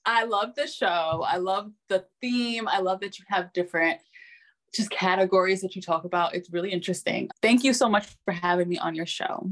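A woman's voice: mid-range voice, moderate pace, fairly bright tone. Female podcast guest in casual conversation, encouraging and playfully pushy. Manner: supportive, playfully insistent. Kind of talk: casual chat.

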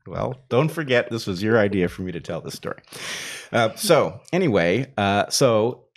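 A man with a very deep, low voice tells a long personal story in an easygoing, conversational way. He meanders, restarts and pads his sentences with fillers before getting back on track. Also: very animated, moderate pace. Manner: rambling, self-interrupting with fillers. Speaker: storyteller guest. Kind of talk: casual anecdote.

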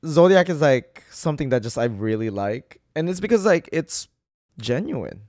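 A man co-hosting a podcast in casual chat, enthusiastic and quick to agree. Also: on the high side, very animated, a little mellow, no echo, studio quality. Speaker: podcast co-host.

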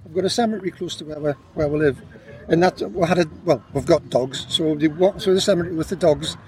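A man's voice: fairly high pitch, fast, crowd noise. A man, chatting casually as a band musician being interviewed. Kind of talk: casual chat.

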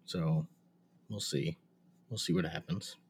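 A man's voice: extremely low pitch, steady tone, takes it slowly, slightly rough. A man co-hosting a podcast in casual chat, somewhat hesitant and repeating short phrases. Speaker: podcast co-host.

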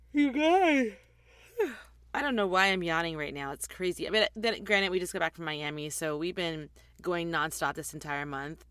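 A woman's voice: on the low side, fairly bright tone, no echo. Chatty woman recording inside a closet. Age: 40s. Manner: chatty and rambling, with frequent ums. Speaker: podcast host. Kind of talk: casual chat. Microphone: desktop USB microphone.

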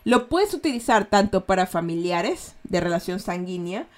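A woman's voice: on the low side, very animated, normal speed, a little mellow. A woman with an Ecuadorian accent hosting a casual slang lesson, chatty and checking in with her listeners often. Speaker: host teaching slang.

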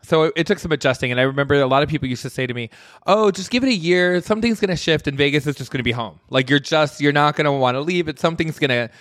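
A Midwestern man hosts a casual podcast interview, upbeat and chatty and laughing often. His voice is on the high side with a fairly bright tone, he talks very fast, and there's no room sound.

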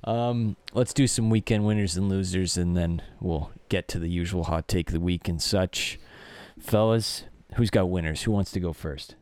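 Low-voiced easygoing podcast host. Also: male voice, moderate pace, hardly any pauses, darkish tone, no echo. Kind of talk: casual sports podcast chat.

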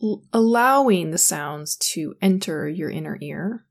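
Low-voiced woman leading a sleep meditation, super slow and soothing. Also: creaky. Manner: slow, soothing and calm, with long pauses. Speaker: meditation guide.

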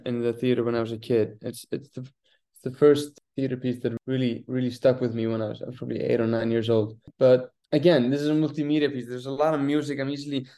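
This guest, a theater artist from Iceland in his twenties, speaks warmly in a mid-range voice during a relaxed podcast interview, reflecting carefully and frequently restarting or repeating himself.

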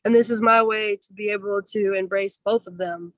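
A woman-voiced podcast regular in casual chat, laid-back with halting, hesitant phrasing. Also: mid-range voice, steady tone, a bit bright, no room sound, low-quality recording.

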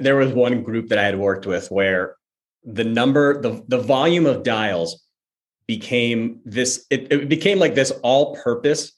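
A man co-hosting a casual chat, reflective and given to long explanations. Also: medium pitch.

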